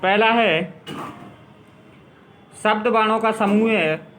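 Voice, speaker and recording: A man teaching a school grammar lesson, explaining slowly and repeating his examples. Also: high voice, a bit bright, slight background noise, rough recording.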